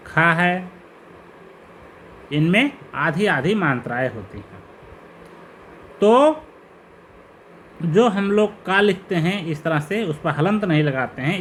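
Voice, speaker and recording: A man's voice: on the high side, a bit bright, a little hiss or hum. A man teaching Sanskrit grammar in a lecture, listing terms one by one and asking questions to lead the class along. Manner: slow, repetitive listing of terms with rising questions.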